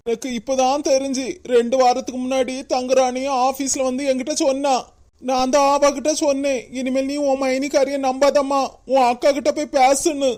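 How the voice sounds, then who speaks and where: A woman's voice: sits high, a little mellow, natural voice. A woman voicing a remorseful, stern older brother in a cartoon, speaking with a Kanyakumari Tamil accent. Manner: emotional, pleading then scolding. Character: remorseful then stern adult brother, head of family. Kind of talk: cartoon voice acting.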